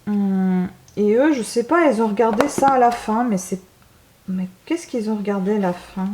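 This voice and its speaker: A woman's voice: mid-range voice, moderate pace, a little mellow, a little hiss or hum. Woman book vlogger, casual haul chat, lots of ums and restarts. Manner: hesitant, many fillers and restarts.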